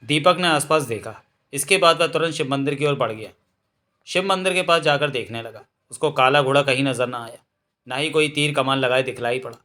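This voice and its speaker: A man reading a novel aloud as narrator, in a steady storytelling manner, correcting an occasional slip. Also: mid-range voice, fairly quick.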